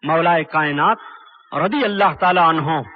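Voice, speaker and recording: A man preaching an impassioned religious sermon, declaiming forcefully and chanting Arabic quotations. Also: fairly high pitch, unhurried. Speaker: Islamic preacher. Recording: dull lo-fi sermon recording.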